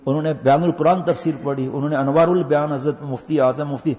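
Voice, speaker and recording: An older man giving a religious talk to madrasa students, telling stories with impassioned swings between loud urging and slow hushed passages. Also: fairly high pitch, steady tone. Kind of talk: Urdu religious talk with anecdotes. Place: mosque or madrasa hall. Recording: echoey hall, dull lo-fi recording.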